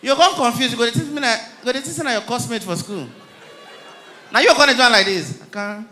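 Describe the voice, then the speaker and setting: A Nigerian man working a live comedy stage on a handheld mic, telling stories in lively fashion and acting out everyone in them. His voice sits high, with a bright, sharp edge. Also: quick pace, slight background noise. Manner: lively storytelling, acting out characters. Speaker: stand-up comedian. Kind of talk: stand-up comedy routine.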